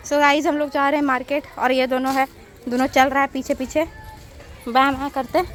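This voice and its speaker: A woman's voice: sits high, flat delivery, a little fast. A woman from Bihar with a Bihari Hindi accent, chatting casually in her village vlog and calling out to animals. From Bihar, India. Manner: chatty, coaxing animals with repeated calls. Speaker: vlogger. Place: village outdoors, then in an auto-rickshaw.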